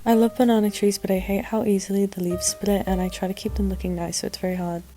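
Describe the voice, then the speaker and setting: A woman's voice: mid-range voice, level tone, quick pace, dark tone, faint music behind. A woman chatting casually as a vlogger about her own things, recorded in a large, echoey room. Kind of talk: casual chatty plant collection vlog.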